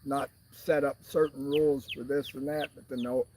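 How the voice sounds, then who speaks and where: A man's voice: mid-range voice, level tone, normal speed, mellow, a little hiss or hum. A man co-hosting a wellness talk, exhorting listeners in an emphatic, preacher-like way. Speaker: co-host. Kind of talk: casual chat with preaching asides.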